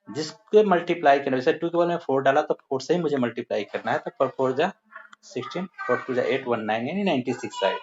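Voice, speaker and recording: A maths teacher giving a step-by-step lesson, counting through each sum aloud and addressing the pupils as dear children. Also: medium pitch. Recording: slightly muffled with faint hiss.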